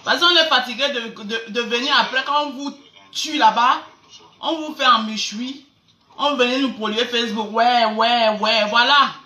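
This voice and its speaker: A woman's voice: fairly high pitch, moderate pace, pushed and bright. A woman with a Cameroonian accent hosting a casual live stream, greeting viewers and mocking people with sarcastic, stammering repeats. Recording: echoey room, faint background noise.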